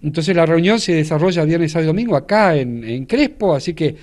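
Older church leader, fairly high voice. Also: male voice, fairly quick, darkish tone. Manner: explanatory, with many fillers and restarts. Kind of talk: TV news interview. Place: indoors in front of a studio backdrop.

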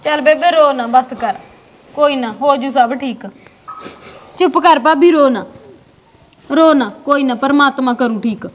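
A young woman plays a steady, comforting village woman with a Malwai Punjabi accent. She has a high voice and speaks in a plain, reassuring way. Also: a little slow, pauses often. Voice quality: consoling, matter-of-fact. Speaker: actor in a village short drama. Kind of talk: amateur village drama acting.

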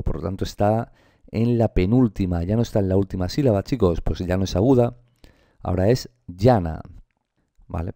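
A man's voice: low-pitched, warm tone, no room sound, studio quality. A man with a Spain Spanish accent teaching an online grammar lesson, talking straight to his viewers and stretching out example words. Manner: explanatory, addresses viewers directly, drawn-out example words.

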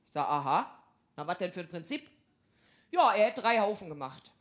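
A woman's voice: fairly low pitch, very animated, normal speed. A woman delivering a stand-up comedy monologue in brash, gossipy housewife banter full of broad slang.

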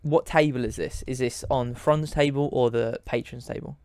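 A man's voice: medium pitch, fairly even intonation, normal speed, crowd noise. A man narrating as game master of a tabletop game, often repeating words as he describes scenes.

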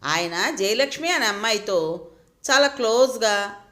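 A woman's voice: medium pitch, animated, unhurried, bright, forceful tone. A woman voicing a hesitant, earnest young office typist.

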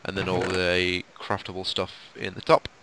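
Sleepy, croaky man. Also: deep voice, monotone, normal speed, background noise. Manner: chatty, tour-guide rundown with fillers. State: sleepy, croaky late-night voice. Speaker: let's play co-host. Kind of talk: casual gameplay commentary.

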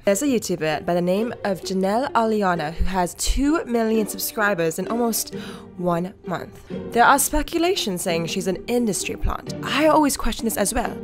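A young woman YouTuber and entrepreneur chatting to camera in a playful, put-on British-Australian accent, jokey and self-mocking. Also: mid-range voice. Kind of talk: casual vlog talk to camera.

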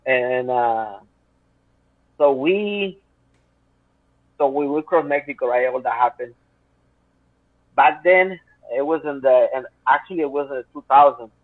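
He is in his thirties, from Central America, and speaks with a Spanish accent, sharing his own story as an interview guest over a tinny, phone-like video call from a home room. His medium-pitched voice is animated but a little slow, with long pauses and no echo, and he rambles earnestly, using many fillers.

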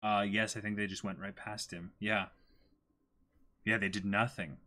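This twenty-something streamer has a fairly low, bright, pushed voice with little pitch movement, speaking at normal speed. He reads a manga aloud as dramatic performance, exclaiming in amazement, voicing the characters, and keeping up a casual running reaction.

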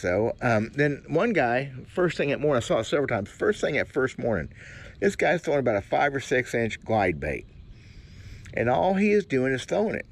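A man's voice: medium pitch, gravelly. An older man, musing in a folksy, rambling way while sitting in a kayak in a swamp. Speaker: fishing vlogger. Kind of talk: casual outdoor musing. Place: kayak in a cypress swamp, outdoors.

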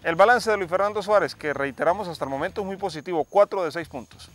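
A man's voice: high-pitched, fast, fairly bright tone, a little hiss or hum. A Colombian man hosting an outdoor football discussion and going through analysis with his partner. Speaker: sports show host. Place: outdoors at night. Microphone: lapel mic, speaking through face mask.

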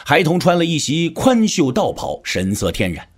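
A man narrates a martial-arts novel as a dramatic audiobook, using a measured, expressive storytelling style. His pitch is fairly high, and music plays in the background.

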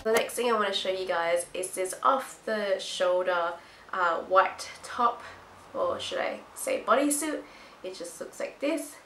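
A woman's voice: mid-range voice, lively intonation, a little slow, over music. A young woman with a blocked-up nasal voice from a cold, chatting casually to camera as a fashion vlogger. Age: young adult. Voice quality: nasal, congested. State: sick with blocked nose and itchy throat. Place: small hard-walled room indoors. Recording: roomy echo, faint background noise.

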